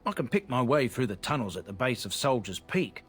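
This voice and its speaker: A man of medium pitch speaks fairly quickly in a sing-song way that stays close to his everyday voice, with faint music in the background. He portrays the proud, blunt merchant of a disgraced noble family in a game, earnest and plain-spoken.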